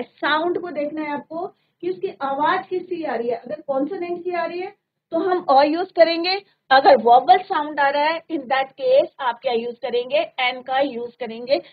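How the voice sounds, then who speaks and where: A woman teaching a classroom grammar lesson, mixing Hindi and English and often asking the class to confirm they follow. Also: high-pitched. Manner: asks frequent checking questions. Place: classroom studio. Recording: phone-like narrow band.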